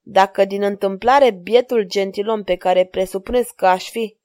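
A woman with a medium-pitched voice, lightly acting, plays a gallant, amorous male king who is courtly, flattering and flirtatious.

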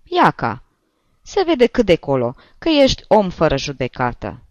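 A man's voice: fairly high pitch, wildly swooping pitch, dry recording, highs cut off. A man doing an old chiding village priest. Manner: gently scolding, sighing, folksy.

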